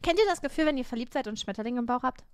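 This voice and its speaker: A young woman streamer with a high, bright-pitched voice, talking in a rambling, excitable way to her chat. She sounds nervous and jittery, and the close, dry sound has no room echo. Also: very fast, clear, resonant tone. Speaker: livestreamer.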